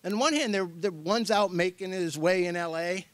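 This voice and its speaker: A middle-aged man presents an informal workshop lecture, speaking conversationally, hedging loosely and chuckling often. His voice is high-pitched and moderately paced, with no room sound.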